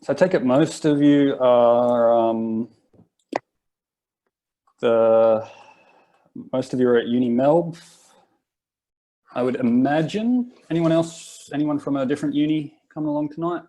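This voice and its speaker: A man's voice: mid-range voice, a little slow, pauses often, mellow. A young Australian man in his twenties hosting a live workshop in a laid-back, rambling way, often restarting his sentences. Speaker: workshop host. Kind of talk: casual live workshop talk.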